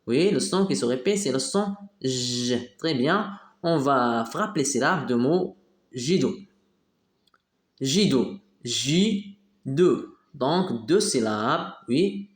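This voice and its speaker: Slow-talking male teacher. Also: mid-range voice, lively intonation. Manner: slow, drawn-out repeating of words, switching into dialect Arabic for explanations. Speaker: primary school teacher. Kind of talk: reading-and-phonics lesson. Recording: echoey room.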